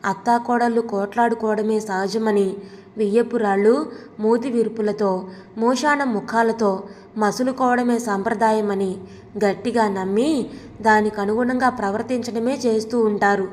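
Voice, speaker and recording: A woman narrating a story in a calm, steady reading voice. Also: a little high, moderate pace. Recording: long hall reverb.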